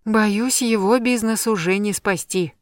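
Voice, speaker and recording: A woman's voice: medium pitch, a little slow, dry recording, lightly acted. Woman doing a shaken young heroine, stammering, agitated, audiobook, dry voice. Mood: consoling. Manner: stammering, agitated, shouting and whispering. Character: frightened young heroine who found a murder victim.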